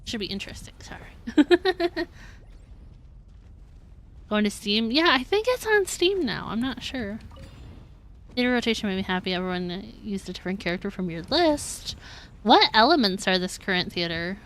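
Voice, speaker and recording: A woman with a medium-pitched, fairly bright voice chats casually on a gaming live stream, reading and answering viewers' messages. She sounds animated and keeps a moderate pace, pausing often and sometimes mumbling her words.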